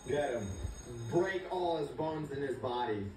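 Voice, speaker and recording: A man's voice: medium pitch, lively intonation, unhurried, recorded from a distance, over music. A young man reacting in casual, jokey commentary, exclamatory and mock-scared. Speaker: reaction video host. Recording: noisy, very echoey TV playback from afar.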